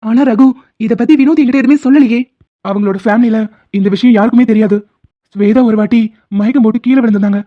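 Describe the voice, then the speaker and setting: A woman voicing a calm, level-headed young man in a dubbed cartoon drama, speaking in a steady, firm way. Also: a little high, quick pace, natural voice. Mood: explaining. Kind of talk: Tamil cartoon dubbing. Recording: dull lo-fi recording.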